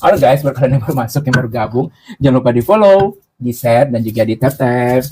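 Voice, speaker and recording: Talking quickly in a medium-pitched voice over background noise, a man runs a relaxed cooking live stream from his boarding-house room using a clip-on mic. He jokes and chats through viewers' comments, a bit winded from grinding spices.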